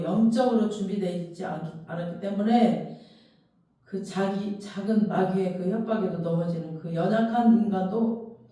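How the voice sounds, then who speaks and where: A pastor preaching a sermon in a church, telling the story with strong emotion and bursting into loud, heated outbursts. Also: mid-range voice. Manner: emotional, animated storytelling with shouted imagined outbursts. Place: church sanctuary. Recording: very echoey hall, distant mic.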